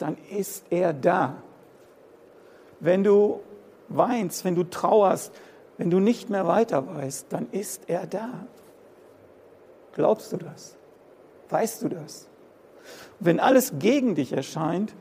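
A man preaching with a gravelly, mellow voice, pitched a little high for a man. He presses his points home by repeating phrases over and over. His voice rings through a church hall with long reverb over a faint hum of room noise. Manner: impassioned, repeats phrases for emphasis. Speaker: pastor. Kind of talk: sermon.

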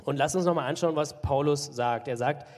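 A man interprets a sermon phrase by phrase, stumbling with fillers and self-corrections as he goes. His voice sits a little high for a man. The sound carries the long reverb of a church hall. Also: brisk, a little mellow. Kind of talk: live consecutive interpreting of a sermon.

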